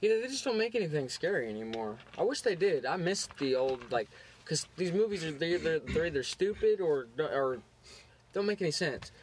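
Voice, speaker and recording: A man with a somewhat raised pitch reacts in short bursts and halting restarts over a faint hiss. He sounds like an easygoing podcast co-host. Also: sing-song. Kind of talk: casual chat.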